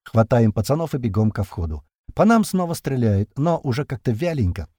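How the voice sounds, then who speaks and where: A man's voice: medium pitch, big pitch swings, warm tone, husky, dry recording, clean studio sound. A man narrating a first-person war story in slangy, swearing action prose. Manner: slangy, swearing, fast-moving action telling. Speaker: audiobook narrator.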